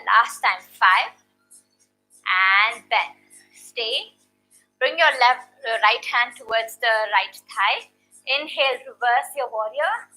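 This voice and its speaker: A woman's voice: a little high, bright, forceful tone, poor audio. A woman teaching a guided yoga class, counting reps and checking in often, a little out of breath. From India.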